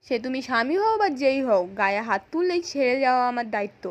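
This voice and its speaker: A woman's voice: sits high, animated, quick pace. A woman voicing a firm young wife demanding a divorce as she retells a serial episode. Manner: firm, insistent.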